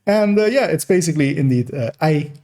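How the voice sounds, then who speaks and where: A young gaming YouTuber, born in Iran and raised in the Netherlands, rambles through a Q&A for his channel, full of fillers and restarts. Farsi is his first language, and his accent mixes Persian, Dutch and American. His voice is fairly high, animated and mellow, and he talks fairly quickly.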